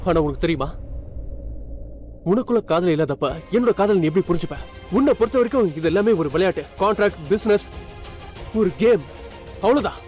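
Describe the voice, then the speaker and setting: A young lover hurt and bitter, speaking with emphatic accusations in a soap-opera scene. His voice sits high for a man. A faint music score plays beneath. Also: animated, brisk, long pauses, a little mellow. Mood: bitter, accusing. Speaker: actor in a TV serial. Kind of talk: dubbed TV drama dialogue.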